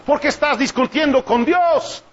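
A man with a strikingly high voice preaches an animated sermon, piling up rhetorical questions and chuckling between points. The recording is dull and lo-fi. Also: normal speed.

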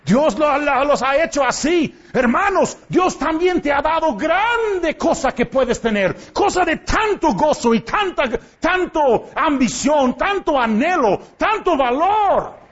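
A man's voice: very high-pitched, animated, slow. A man preaching a sermon to his congregation in a church, pressing them with impassioned rhetorical questions. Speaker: pastor. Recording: dull lo-fi church recording.

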